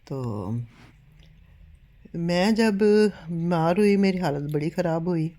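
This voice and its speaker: An older woman tells a story to her phone camera at home, speaking earnestly in a lowish, expressive, mellow voice. Weak and unwell from illness, this home vlogger often urges her listeners to believe her.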